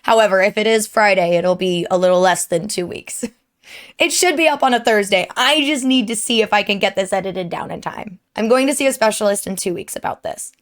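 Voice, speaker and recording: Speaking fairly quickly at a medium pitch, this young streamer and YouTuber offers her viewers a candid, meandering update from her home desk. Her throat sounds sore and strained as she talks earnestly.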